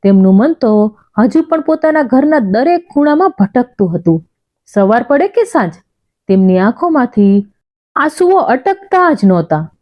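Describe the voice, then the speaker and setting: A woman storyteller reading an emotional story with expressive delivery. Her pitch is fairly high and rises and falls a lot, and the sound is dull and lo-fi. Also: unhurried. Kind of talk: scripted story narration.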